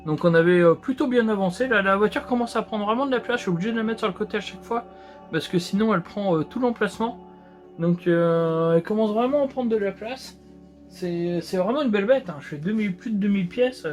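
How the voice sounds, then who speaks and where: A man with a high voice talks casually as he works on a build, filling his sentences with hesitations and false starts. Faint music plays under him. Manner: rambling, many hesitations and restarts. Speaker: host. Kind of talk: casual chat while building a model.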